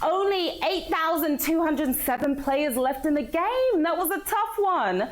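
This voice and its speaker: A woman hosting a live trivia game show, energetic and playful, with a sing-song delivery. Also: extremely high pitch, measured pace. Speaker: quiz show host. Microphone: played through a phone app. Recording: background music from the app.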